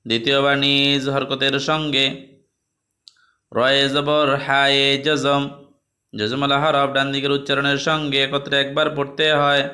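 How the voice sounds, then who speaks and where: A man with a Bangladeshi Bengali accent teaching a Quran reading lesson, spelling out each letter and vowel mark before reciting the joined words slowly. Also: mid-range voice, monotone. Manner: softer, quicker asides to students between drills. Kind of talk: slow step-by-step recitation lesson.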